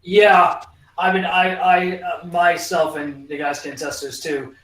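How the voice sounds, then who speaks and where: A fairly high-voiced man chats casually as a gaming stream co-host. He is opinionated and emphatic, sounding echoey and a little distant from the mic. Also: level tone, measured pace, a bit bright. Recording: echoey room, off mic, faint music. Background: faint game music.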